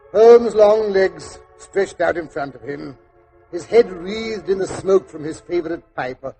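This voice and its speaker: Guy acting chatty older doctor storyteller, soft mellow tone, higher-ish voice, old 1940s radio drama sound. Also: lightly acted, low-quality recording. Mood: reminiscing. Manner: avuncular, hesitant, chuckling raconteur.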